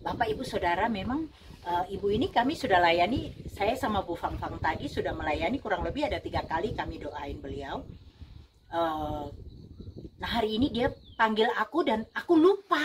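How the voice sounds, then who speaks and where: A woman's voice: mid-range voice, sing-song, moderate pace, noisy background. A middle-aged woman minister telling a personal testimony in a sermon, speaking emotionally and addressing the congregation directly. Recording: voice from a distance with clear background ambience.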